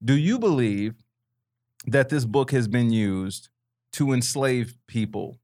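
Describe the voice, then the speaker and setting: A man's voice: medium pitch, expressive, takes it slowly, a little mellow. A man in a casual panel discussion, talking informally and repeating phrases for emphasis.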